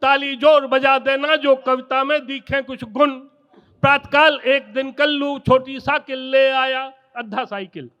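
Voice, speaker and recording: A man's voice: very high voice, in a large hall, dull audio. A man reciting rhythmic comic poetry in breathless run-on lines, emphatic and theatrical, as a stage poet addressing listeners.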